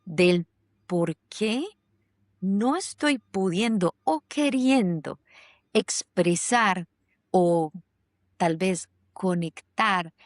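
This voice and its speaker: A woman who lives in Germany hosts a conversational podcast, speaking reflectively with plenty of fillers and restarts. Her voice sits on the low side, and the recording is clean studio sound with no echo.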